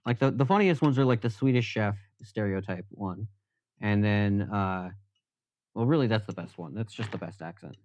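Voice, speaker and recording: Male streamer, lowish voice, rambling and jokey at the workbench, dry muffled mic. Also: normal speed, darkish tone, no echo. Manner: joking, rambling with many fillers. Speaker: livestreamer. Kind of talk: casual chat while working at a workbench. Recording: dull, slightly lo-fi stream audio.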